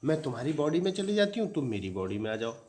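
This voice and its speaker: A male teacher voicing a bold, domineering middle-aged woman who smokes, speaking forcefully and insistently. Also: a little high, sing-song, fast. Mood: persuasive.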